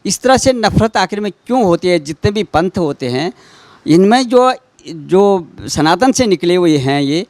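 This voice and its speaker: Man, reporter, rambling halting questions, high voice, dry close sound. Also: lively intonation, a little mellow, no room sound. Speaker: interviewer.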